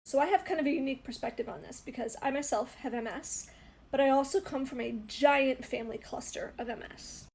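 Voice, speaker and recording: A woman's voice: high voice, brisk, creaky, darkish tone, husky. A woman speaking earnestly and emphatically in casual personal commentary. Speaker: content creator.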